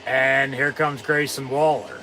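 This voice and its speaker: A man's voice: medium pitch, a little slow, bright, forceful tone, slight background noise. An American man hosting a live watch-along, commenting casually and sarcastically, with some swearing. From United States.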